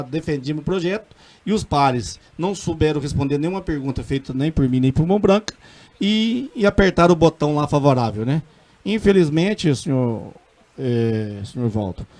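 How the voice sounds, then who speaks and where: Giving a radio interview, a middle-aged councilman from a Brazilian city often starts his sentences over as he speaks with earnest emphasis. His Minas Gerais Portuguese comes through in a slightly high, somewhat mellow voice.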